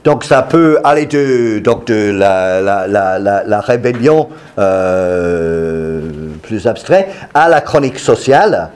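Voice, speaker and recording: A man's voice: lowish voice, expressive, takes it slowly, a little mellow, smooth. A man talks through music history in a loose lecture, stopping often to search for words. His delivery is full of fillers and restarted phrases. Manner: hesitant, many fillers and restarts. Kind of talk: explanatory talk.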